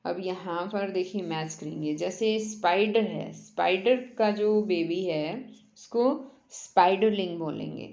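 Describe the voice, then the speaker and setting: A woman teacher, explaining a workbook lesson in Hindi and reading English lines slowly, word by word. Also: fairly low pitch, creaky, a little mellow, reverberant, muffled recording.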